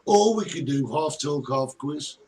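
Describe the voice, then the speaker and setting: A man's voice: fairly high pitch, lively intonation, a little slow, a little mellow. A middle-aged man co-hosting a casual live-stream chat, joking and reading out viewer comments. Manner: chatty, jokey, reads out viewer comments. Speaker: co-host of a live social media chat. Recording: distant mic with faint background noise.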